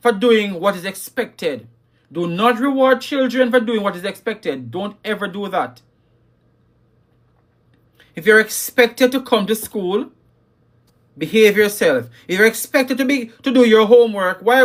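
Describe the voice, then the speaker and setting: A man hosting a live talk on parenting, emphatic and scolding, repeating his key lines and reading viewer comments. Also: high-pitched. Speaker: livestream host.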